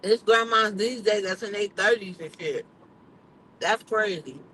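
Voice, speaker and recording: Blunt, bright-voiced woman vlogger. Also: mid-range voice, measured pace, a little hiss or hum, rough recording. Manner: blunt, emphatic, swears freely. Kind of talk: casual livestream chat.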